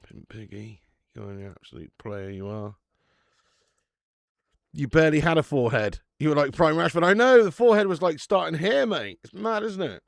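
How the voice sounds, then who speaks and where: Gravelly man in his thirties. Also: a little high, animated, normal speed, no room sound, studio quality. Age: 30s. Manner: laughing, swearing banter with chat. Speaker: football watch-along host. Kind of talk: casual live-stream chat.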